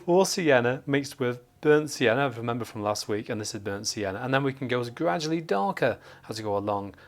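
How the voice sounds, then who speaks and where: A man from northern England giving a live watercolour tutorial, chatting and joking as he thinks aloud while painting at a desk under studio lights. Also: medium pitch.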